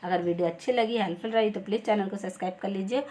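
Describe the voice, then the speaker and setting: A woman's voice: medium pitch, rapid-fire, dark tone. A young woman teacher patiently explaining a first-grade lesson step by step. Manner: patient, step-by-step, repeats "ठीक है".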